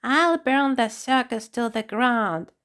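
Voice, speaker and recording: A woman's voice: fairly high pitch, slow, pitched above the performer's own voice. Woman doing a spiteful clown villain. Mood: hateful. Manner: yelling, spiteful. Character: cruel male clown villain, full of hatred.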